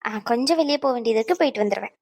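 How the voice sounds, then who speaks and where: A woman voicing a female doctor in a cartoon comedy, giving patient advice in a calm, measured way. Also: on the high side.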